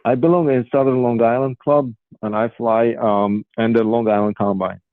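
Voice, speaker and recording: A man in his forties from Morocco, giving earnest interview answers with frequent um pauses. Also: medium pitch, fairly even intonation, dry recording. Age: 40s. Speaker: guest, pigeon racing federation official. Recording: tinny phone line, dry.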